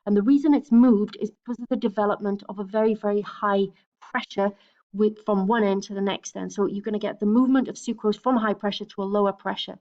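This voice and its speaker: A woman's voice: medium pitch, steady tone, fairly quick, lo-fi sound. A woman teacher giving a recorded lecture over slides, explaining steadily, with frequent fillers and restarts.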